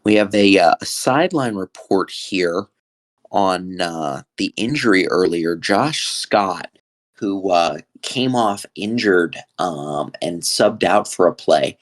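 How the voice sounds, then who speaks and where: A man giving play-by-play commentary on a football game, with steady, conversational calls and frequent fillers. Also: fairly low pitch.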